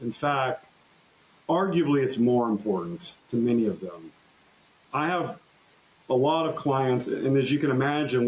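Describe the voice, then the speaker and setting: Male trial lawyer guest, mid-pitched, earnest storyteller, halting restarts, podcast interview. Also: darkish tone, slight background noise, rough recording. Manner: earnest, halting restarts, recounts courtroom exchanges.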